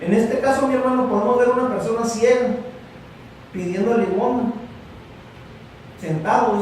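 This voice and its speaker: A pastor delivers a sermon in a high, ringing voice, leaning into each point and repeating his address to the congregation. He sounds distant from the microphone, his words washing through a very echoey church hall. Faint room ambience hums underneath. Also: a little mellow, a little hiss or hum. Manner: preaching with rising emphasis, repeating "mi hermano".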